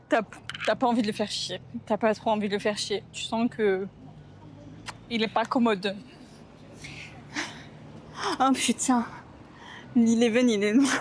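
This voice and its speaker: A young woman vlogging casually to camera, rambling and self-mocking with slang and fillers, upset and hungry. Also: a little high. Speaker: travel vlogger. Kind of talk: casual vlog chat to camera. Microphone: camera mic.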